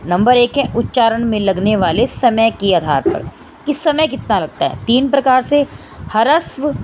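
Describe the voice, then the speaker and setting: A woman's voice: a little high, background noise. Woman teacher who quizzes herself. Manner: asks questions and answers them herself; says vowel sounds aloud, drawn out. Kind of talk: classroom lesson.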